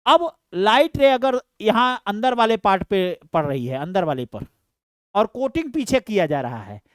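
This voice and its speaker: A man teaches science to students online. He talks through each step in a lively voice that swings up and down, fondly calls them "beta", and keeps checking that they understand. The sound is dry, with no room echo. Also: sits high, moderate pace.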